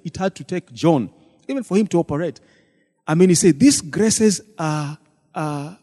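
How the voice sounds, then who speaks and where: Speaking as a deacon, a man recounts a church meeting for the congregation, performing the voices of those he quotes. He sounds a little high, warm and slightly rough, and the hall adds a long reverb to this testimony.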